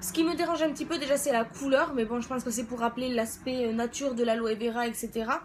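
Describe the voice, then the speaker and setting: A woman's voice: a little high, steady tone, fast talker, a little hiss or hum. A woman giving a casual product review as a beauty vlogger, chatting in a hesitant way as if thinking aloud.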